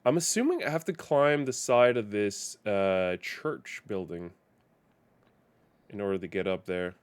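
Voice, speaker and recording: Male streamer, lowish voice, casual rambling chat while playing a game. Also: lively intonation, a little slow, clean tone. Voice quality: rambling, self-correcting.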